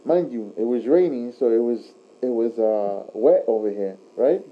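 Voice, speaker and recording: Male, frat-bro storyteller: crude, slangy casual chat, mid pitch, muffled lo-fi recording. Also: expressive, moderate pace. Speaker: tattoo artist telling stories. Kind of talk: casual chat, anecdote telling. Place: tattoo shop. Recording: dull lo-fi recording.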